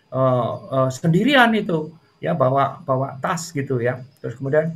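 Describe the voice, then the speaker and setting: This is a middle-aged man recounting a story at normal speed as a guest in a casual interview. He talks in a loose, chatty manner with lots of fillers, rising sharply in pitch whenever things get exciting.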